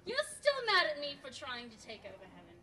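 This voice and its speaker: A woman's voice: sits high, sing-song, quick pace, bright, forceful tone, exaggerated voice. A woman playing Satan as a defiant, sulky fallen angel in a comic dialogue, bickering indignantly in a Cockney British accent. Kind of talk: comic two-hander dialogue.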